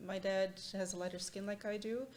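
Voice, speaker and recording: Woman, interview guest, hesitant, halting, faint background noise. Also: mid-range voice, fairly even intonation, darkish tone. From Portugal and Angola. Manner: hesitant, halting, with many fillers and restarts. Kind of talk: casual interview chat.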